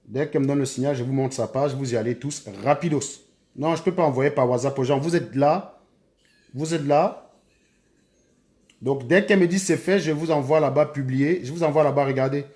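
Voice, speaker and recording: A man's voice: mid-range voice, normal speed, a little mellow. A man hosting a live stream, chatting casually and repeatedly urging his viewers to hurry. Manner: urgent, repetitive urging of viewers.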